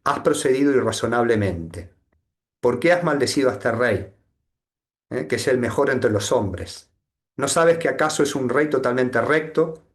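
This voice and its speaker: Man voicing a calm old hermit sage. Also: mid-range voice, normal speed, natural voice. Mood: stern. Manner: gentle questioning, then stern reproach.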